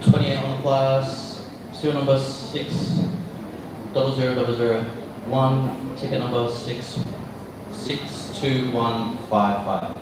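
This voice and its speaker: A male staff member reads out ticket and serial numbers. He is far from the microphone in a heavily echoing hall, and clear background noise surrounds his voice. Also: mid-range voice, steady tone, a little slow. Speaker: staff member reading back winning tickets. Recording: very echoey hall, distant, noisy.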